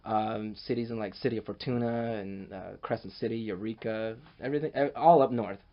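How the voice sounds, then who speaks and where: A man's voice: on the low side, fairly even intonation, brisk, dull audio. A man in his forties from Cambodia, a filmmaker chatting as a podcast guest, rambling with many restarts and repeated words. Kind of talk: casual interview chat. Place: on a boat in a harbor.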